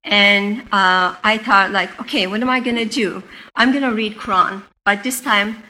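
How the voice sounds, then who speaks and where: A woman with a Turkish accent speaks in English, her second language, sharing her testimony before a chapel audience. She talks earnestly, stopping and restarting her sentences, in a bright, forward voice at a middle pitch. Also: poor audio. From Turkey. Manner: earnest, halting with frequent restarts. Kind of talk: personal faith testimony.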